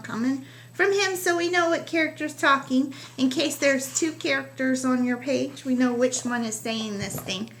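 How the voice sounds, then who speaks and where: In a home-recorded writing lesson, a woman teaches young children to write by stretching each word into slow, separate sounds. Her voice sits a little high with a fairly bright tone, and a faint hiss runs beneath the recording.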